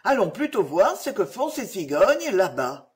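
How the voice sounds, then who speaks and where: A curious, impatient caliph, as the narrator puts him on, giving orders in a commanding tone. His voice is lively and varied in this storybook tale. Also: mid-range voice, unhurried.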